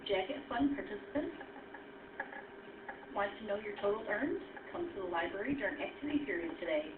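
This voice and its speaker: A woman reading the day's school announcements in a clear, measured way over an intercom loudspeaker. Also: medium pitch, animated, noisy background. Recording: distant, tinny loudspeaker in an echoey classroom.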